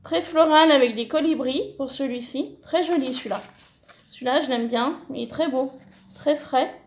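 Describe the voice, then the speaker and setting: Bright, high-pitched woman vlogger, chatty and gushing, self-correcting, relaxed at-home haul. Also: normal speed, echoey room. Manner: enthusiastic, many fillers, self-correcting. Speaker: scrapbooking vlogger. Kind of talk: casual haul vlog, showing paper.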